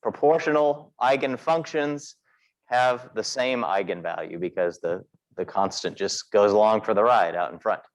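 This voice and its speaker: This recorded class session features a male physics instructor whose voice sits on the low side, speaking at normal speed. He lectures methodically, stopping to ask the class questions.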